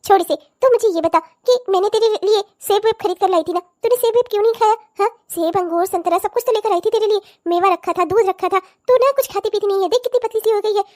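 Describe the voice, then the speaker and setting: A woman voicing a harsh, scolding cartoon stepmother who nags and curses in a shrill, rapid voice. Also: darkish tone. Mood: doting. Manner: shrill, nagging, cursing. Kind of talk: cartoon voice acting.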